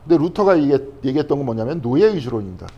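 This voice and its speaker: A man's voice: medium pitch, very animated, very fast, lo-fi sound. A male pastor teaching a Bible study class in a conversational way. He keeps asking the class questions and then answers them himself. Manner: conversational, checking in with frequent tag questions.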